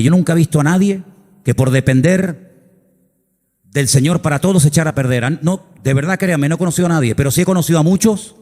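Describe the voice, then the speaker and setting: A man's voice: a little high, a little mellow, big-room sound. A male pastor preaching a sermon in a church, telling the story dramatically with emphatic repetitions and asides.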